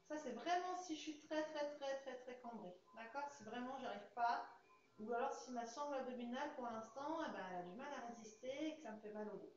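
Woman, French accent, Pilates instructor, calm coaching cues, high voice, booming echoey studio, slightly muffled sound. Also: fairly quick, a little hiss or hum. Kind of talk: guiding an exercise class. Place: fitness studio.

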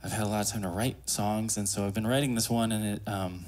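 A man in his thirties doing casual stand-up into a stage mic, with a hesitant, awkward deadpan delivery. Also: lowish voice, fast talker. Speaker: stand-up comedian and ventriloquist. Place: small comedy club stage. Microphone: handheld and stand stage microphone. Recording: noisy live comedy club.

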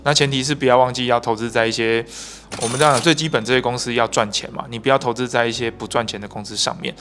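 Fast and steady, with a medium, fairly bright voice, a thirties host with a Taiwanese Mandarin accent walks viewers through his guest's points in fluent explanation peppered with sentence-final particles. Soft music plays beneath. He uses a handheld mic in a bright office room.

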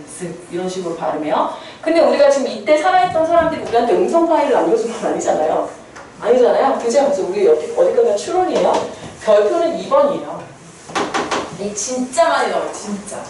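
A woman's voice: a little high, a little mellow. A woman teacher giving a chatty classroom lecture, often asking the class questions and answering them herself. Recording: very echoey classroom, distant mic, faint room noise.

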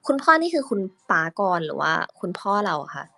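A woman's voice: lowish voice, big pitch swings, fairly quick, creaky, bright, forceful tone, breathy edge, no echo. Chatty young woman with a sore throat. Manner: chatty, playfully switching voices. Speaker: host of a live audio chat. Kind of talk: casual chat.

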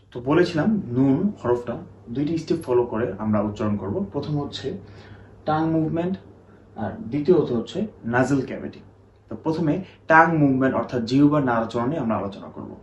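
A man's voice: mid-range voice, a little mellow. Patient male recitation teacher, roomy sound. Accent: Bangladeshi Bengali. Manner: explains step by step and often checks "okay?"; drawn-out nasal demonstration syllables. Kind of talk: online pronunciation lesson. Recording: dull roomy recording, faint hiss.

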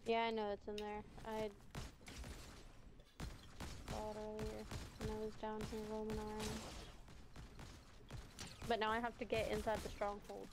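A woman's voice: mid-range voice, monotone, unhurried, pauses often. A woman chatting with friends while gaming, talking through what she is doing. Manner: chatty, narrates her own moves. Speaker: friend playing along in the game. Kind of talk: casual gameplay chat. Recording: home mic with noticeable background noise.

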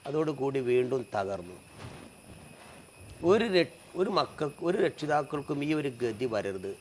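A man's voice: mid-range voice, sing-song, a little slow, slight background noise. A man, telling a personal story with earnest, rising and falling emotion.

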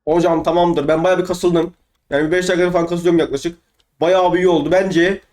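Fast-talking boastful young man gaming. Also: high-pitched, flat delivery, a little mellow. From Turkey. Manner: boastful, teasing, repeats himself. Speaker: gamer. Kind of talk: casual gameplay commentary.

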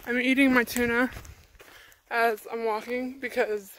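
Young woman, trail vlogger, slow easygoing talk, tired, arm's-length phone outdoors, faint hiss. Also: a little high, little pitch movement, fairly bright tone, poor audio. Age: young adult. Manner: chatty, rambling, laughs often, talks while walking. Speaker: thru-hiker vlogger. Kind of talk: casual trail vlog. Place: outdoors in a mountain forest. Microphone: phone camera held at arm's length.

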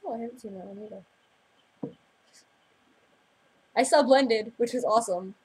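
A woman's voice: a little high, a little slow, darkish tone, husky, poor audio. A teenage girl hosting a casual vlog, bubbly and giggly, rambling between topics. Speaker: vlog host. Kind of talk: casual chat.

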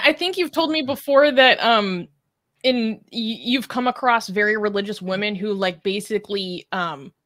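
A woman's voice: medium pitch, a bit bright. A woman co-hosting a casual livestream chat, reading comments aloud, chatty and giggly with many fillers. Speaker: co-host reading live chat.

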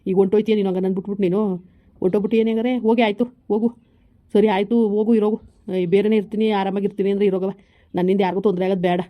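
A woman's voice: medium pitch, little pitch movement, mellow, lightly acted. A woman playing an exasperated husband. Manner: rapid, exasperated, scolding. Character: harried husband caught between wife and mother. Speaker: husband in a family skit. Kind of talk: village comedy skit acting. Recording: slightly dull lo-fi recording.

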